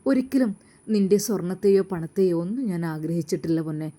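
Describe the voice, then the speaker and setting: Woman playing a loving young husband, earnest, gentle, mellow voice, storybook. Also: lowish voice, animated, a little fast.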